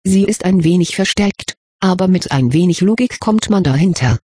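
A reader voicing a brusque, hurried young male wizard with a sarcastic, impatient way of talking, in an audiobook. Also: mid-range voice, expressive, warm tone, husky, no echo. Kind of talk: audiobook character reading.

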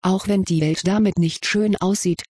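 A level-headed young wizard from a storybook, laying out his reasoning with a dry, lightly ironic edge, as a reader puts him on. The voice is a little husky and close, with no room around it. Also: mid-range voice, steady tone, moderate pace, darkish tone, no echo, close to an everyday voice. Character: sensible, dry-witted schoolboy wizard. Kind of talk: audiobook reading of fan fiction.

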